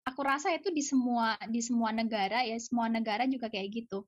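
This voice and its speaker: She talks fast, this Indonesian researcher living in Japan, chatting as a podcast guest in a casual, opinionated and emphatic way with rhetorical questions and scattered English phrases. Her pitch is fairly high, her intonation fairly even, and there's no room sound.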